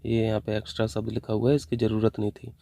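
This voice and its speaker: A man's voice: lowish voice, completely flat delivery, quick pace, vocal fry, warm tone, no echo. A man teaching an online exam-prep lesson, working through answer options step by step and mixing English terms into his explanations. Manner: mixes English terms into Hindi. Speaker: Hindi teacher.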